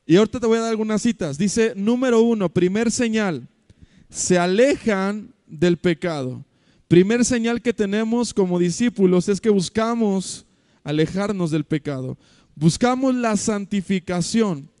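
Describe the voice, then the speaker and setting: A man with a Mexican accent preaches to his church in a high, mellow voice. He tells stories and acts out the people in them. The sound is dry and close, with no room echo. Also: a little slow. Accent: Mexican Spanish. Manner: animated storytelling with acted quotes, swinging loud to soft. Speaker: pastor. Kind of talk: sermon. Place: church hall.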